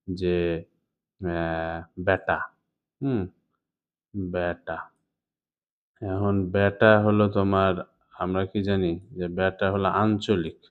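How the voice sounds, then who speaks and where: A man's voice: low voice, smooth. A man with a Bangladeshi Bengali accent teaching a class of students through an exam suggestion lesson, explaining step by step and often checking if they follow. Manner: explains step by step, often asks "ঠিক আছে?". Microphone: writing while talking. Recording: slightly dull lo-fi sound.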